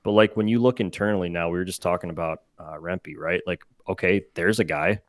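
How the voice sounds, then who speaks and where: A man's voice: low voice, brisk, no echo, clean studio sound. A young man talking as a guest on a sports podcast, telling stories casually and acting out what people said. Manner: animated, acts out quotes in his stories. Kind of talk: casual storytelling.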